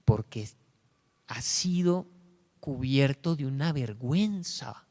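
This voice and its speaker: A man with a Colombian accent preaching a sermon as pastor, animated, acting out the voices of the people he quotes. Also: medium pitch, takes it slowly. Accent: Colombian Spanish. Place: church sanctuary. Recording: echoey church hall.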